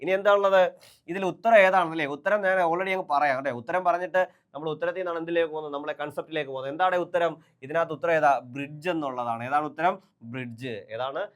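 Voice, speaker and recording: A man teaches an exam-prep lesson at a rapid clip. His voice sits a little high. He keeps asking the class questions, answers them himself, and drills the same terms over and over. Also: fairly bright tone, smooth. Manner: repeats key terms over and over.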